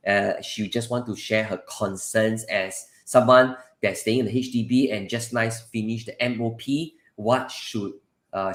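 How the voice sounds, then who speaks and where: A man's voice: lowish voice, a bit bright. A man with a Singaporean accent hosting a casual live advice stream, conversational and repetitive, speaking straight to his viewers. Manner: repetitive, conversational, often addresses listeners directly. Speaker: live session host and property adviser. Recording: roomy, echoing sound.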